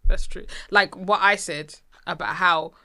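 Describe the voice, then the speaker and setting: Podcast co-host, female, lowish voice, relaxed reflective chat with frequent restarts. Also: measured pace. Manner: reflective, trails off with repeated words. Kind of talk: casual chat.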